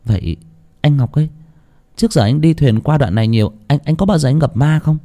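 A man's voice: a little high, fairly quick, warm tone, pitched above the performer's own voice, natural voice. A man voicing a curious young woman who asks questions in a spooky tale. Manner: inquisitive.

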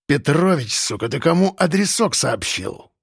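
A man's voice: fairly high pitch, very animated, moderate pace, gravelly, breathy edge, dry recording, exaggerated voice. Sneering criminal boss, mocking and crude, a male reader doing it, dry close read. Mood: menacing. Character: menacing gang boss, older man, sneering.

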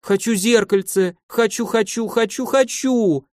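Brief: male narrator puts on a sulky, stubborn demon girl, pitched high, dry close audiobook sound. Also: unhurried, no echo. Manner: stubborn, whiny.

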